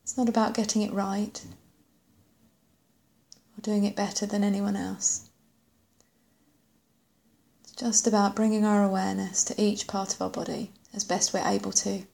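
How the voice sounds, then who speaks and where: A woman leading a guided body scan meditation in a gentle, unhurried way, leaving long pauses and letting phrase ends trail off softly. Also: mid-range voice, flat delivery, creaky.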